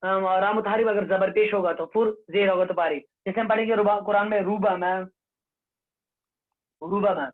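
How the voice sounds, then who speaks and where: Male recitation teacher, high voice, tinny online-class sound, drills rules over and over. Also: fairly even intonation. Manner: slow, repetitive, drills rules and has students repeat. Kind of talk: online lesson with recited examples.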